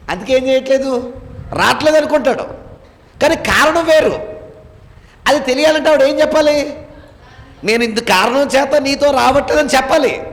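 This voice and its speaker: A man with a high voice leads a congregation through scripture as their pastor. He keeps firing questions back at the room and waits for the answers. His voice rings out in a church hall with a long reverb. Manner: quizzes listeners with call-and-response questions. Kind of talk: Bible-study sermon to a congregation.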